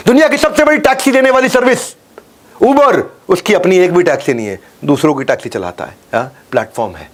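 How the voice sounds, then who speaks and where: A man giving a motivational business lecture, urging listeners to listen, asking rhetorical questions and repeating punchy slogans. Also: on the high side. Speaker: business speaker.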